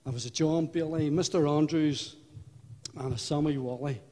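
Older belfast guy telling his church testimony, slow and halting, mellow voice, lots of hall echo. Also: on the high side, steady tone. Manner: unhurried, reflective, halting. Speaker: church member giving testimony. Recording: hall reverb.

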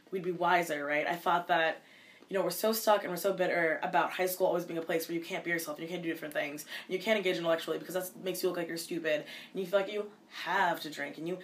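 This twenty-something college student from Minnesota has a fairly low voice and a steady tone. Answering interview questions casually, she speaks quickly, keeps restarting her sentences, and says "like" often.

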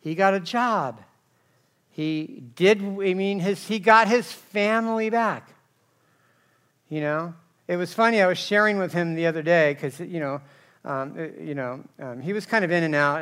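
A man preaching a sermon from a church pulpit, his voice pitched high and bright. He drops to a low murmur, then flares into loud, forceful shouting. He talks straight to the room and keeps checking in with them. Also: moderate pace, clean tone. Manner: swings from hushed and low to loud, shouting intensity; conversational, asks the crowd "right?" often. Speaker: pastor. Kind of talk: impassioned sermon.

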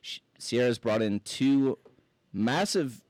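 A man's voice: mid-range voice, expressive, takes it slowly, darkish tone, no echo, clean studio sound. A young man hosting a podcast, chatting casually in a laid-back, joking storytelling way. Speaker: podcast host. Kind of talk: casual chat.

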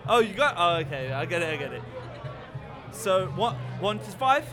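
A man's voice: high voice, big pitch swings, moderate pace. A man answering questions out on the street with cocky banter. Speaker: interviewee. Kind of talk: casual street chat. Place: outdoors on a busy city street. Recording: busy street with music and crowd. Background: music and crowd chatter.

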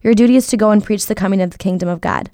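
A woman reading the words of Jesus in her own voice as part of a fast, plain Bible reading. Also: mid-range voice, mellow, no room sound, close to an everyday voice. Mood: earnest. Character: Jesus, a grown man teaching calmly.

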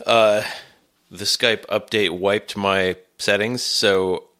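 A middle-aged man with a gravelly, congested voice from a cold, chatting casually and hesitantly as a podcast host. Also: lowish voice, fairly even intonation, takes it slowly. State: has a cold.

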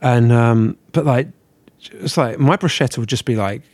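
A man's voice: mid-range voice, normal speed, darkish tone, no room sound. A man rambling on in a casual chat, self-deprecating and sweary.

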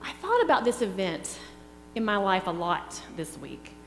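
A woman's voice: medium pitch, sing-song. A middle-aged woman preaching a sermon in an earnest, reflective way. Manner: slow, earnest, reflective delivery. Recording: echoey hall with faint hum.

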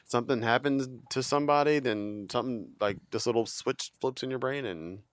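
A man's voice: medium pitch, brisk, dry recording. A man co-hosting a casual podcast, rambling and musing aloud with lots of fillers. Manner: rambling, musing, many fillers like "you know what I'm saying". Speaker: podcast co-host. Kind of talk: casual chat.

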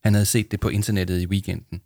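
A man calmly reading a children's book aloud as narrator. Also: sits low, vocal fry, no room sound, clean studio sound.

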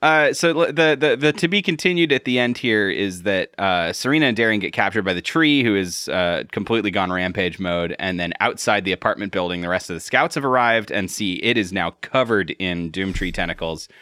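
A man's voice: lowish voice, a little fast, few pauses, sharp tone, clean tone, no echo, studio quality. A man co-hosting a podcast, giving a casual, jokey episode recap. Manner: jokey, laughs while talking. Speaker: podcast co-host.

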